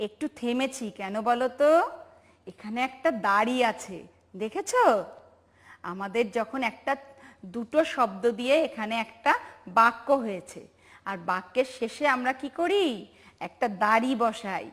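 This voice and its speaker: A woman with a high voice leads a preschool lesson for television at an unhurried pace. She talks in a patient, sing-song way, asking simple questions and praising the children. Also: lively intonation, a bit bright. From Bangladesh. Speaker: preschool teacher.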